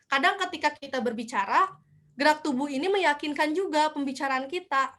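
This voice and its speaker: A woman's voice: high-pitched, brisk, pushed and bright. A young woman giving a casual online lecture, chatty, asking herself questions and answering them. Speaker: speaker at a student seminar.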